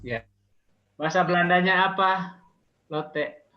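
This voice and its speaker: Slow-speaking Indonesian male teacher, slightly high voice. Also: fairly even intonation, lo-fi sound. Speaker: language teacher. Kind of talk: informal online class teaching.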